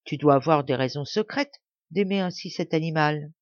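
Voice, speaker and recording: Pious old man, gentle and trusting, fatherly tone, storybook voice, read by a woman, dull dry recording. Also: low-pitched, normal speed, no room sound, natural voice.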